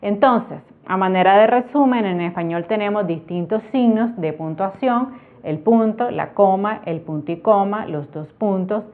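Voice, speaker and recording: A woman teaching a grammar lesson, explaining slowly and carefully and speaking her examples aloud. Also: mid-range voice. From Nicaragua. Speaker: Spanish teacher. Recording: tinny phone-like sound.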